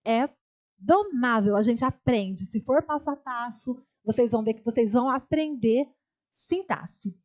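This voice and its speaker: Brazilian woman, higher voice, patient grammar teacher repeating key terms, slightly dull lo-fi lecture audio. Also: measured pace, darkish tone. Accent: Brazilian Portuguese. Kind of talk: online exam-prep lecture.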